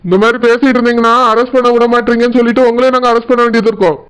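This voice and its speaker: A man's voice: extremely high pitch, little pitch movement, racing, clean tone. A man voicing a stern village policeman who speaks firmly and threatens arrest. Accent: Tirunelveli Tamil. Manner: firm, threatening.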